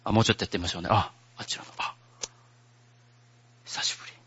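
A man preaching a sermon as pastor, in a gentle, conversational way. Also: on the low side, steady tone, quick pace, husky, in a whisper, highs cut off.

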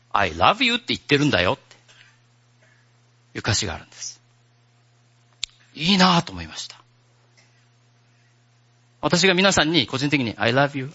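A man preaching a sermon as pastor, in a gentle, conversational way. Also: mid-range voice, slightly rough, highs cut off.

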